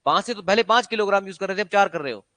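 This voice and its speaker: A man's voice: high-pitched, animated, rapid-fire, fairly bright tone, no room sound. A man teaching an exam-prep maths lesson, constantly quizzing students with rhetorical questions.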